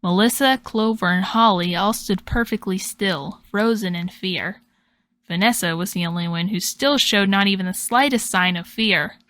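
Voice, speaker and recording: A woman narrating a storybook tale in an expressive, dramatic way. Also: medium pitch, normal speed.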